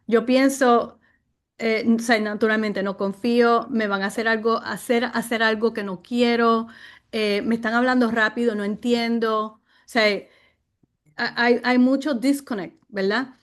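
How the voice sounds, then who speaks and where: A woman in an online real estate mastermind, talking in a lively, casual way, laughing as she speaks and addressing the group directly. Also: a little high, measured pace.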